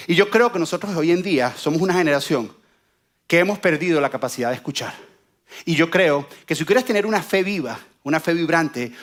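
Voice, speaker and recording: A man preaching a sermon, telling a story and joking with the congregation in an animated way. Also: on the high side.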